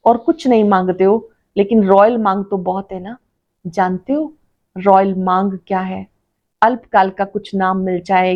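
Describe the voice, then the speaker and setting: A woman reading a devotional sermon as a spiritual teacher, slowly, repeating key phrases for emphasis. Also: mid-range voice, darkish tone, muffled recording.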